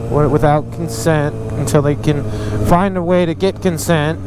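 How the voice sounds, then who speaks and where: Blunt young man over loud engine noise. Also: on the high side, steady tone, normal speed. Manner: blunt, frank, swears often. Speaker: motovlogger. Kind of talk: casual vlog monologue while riding. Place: on a motorcycle on city streets at night. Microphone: helmet mic. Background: loud engine and road wind.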